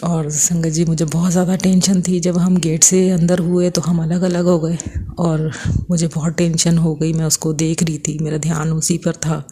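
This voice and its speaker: A woman's voice: low-pitched, flat delivery, normal speed, warm tone, a little hiss or hum. A woman in her forties with a Punjabi accent, earnestly telling a devotional testimony and often addressing the congregation directly.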